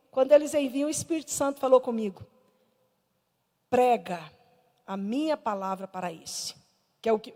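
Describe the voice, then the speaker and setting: High-voiced fervent Brazilian woman preaching. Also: in a large hall. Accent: Brazilian Portuguese. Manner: fervent, emphatic storytelling that swings between hushed and loud. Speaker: missionary preacher. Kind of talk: Sunday school sermon with personal testimony. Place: church hall.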